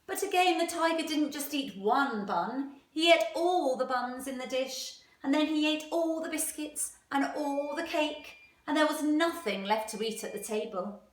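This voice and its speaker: A woman teacher reads a storybook aloud to young children, posing questions to them as she goes. Her voice is high-pitched and expressive, unhurried with few pauses, captured by a distant microphone with roomy echo.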